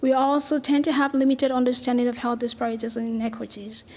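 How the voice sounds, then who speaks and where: A woman's voice: a little high, flat delivery, quick pace, a little mellow. A middle-aged woman from Cameroon, giving an earnest academic lecture with slides and small restarts. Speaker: researcher giving a talk.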